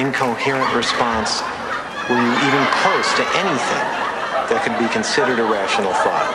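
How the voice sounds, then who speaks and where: Man as stern official, withering scolding, slow, film clip, loud noise behind. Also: mid-range voice, lightly acted. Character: stern adult male official scolding a contestant.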